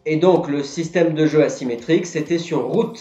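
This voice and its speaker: A slightly high-voiced man hosts a live board game quiz, reading each question and patiently explaining the answers. The sound is roomy and a little dull and lo-fi, with faint music underneath. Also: moderate pace, warm tone. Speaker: quiz host. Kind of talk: live-stream quiz hosting.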